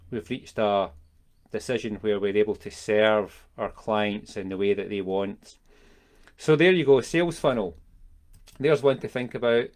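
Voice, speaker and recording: A man talking alone to his audience in a reflective way, often pausing and searching for words as he reframes ideas. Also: fairly low pitch, darkish tone. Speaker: business coach. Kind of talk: solo talk to camera.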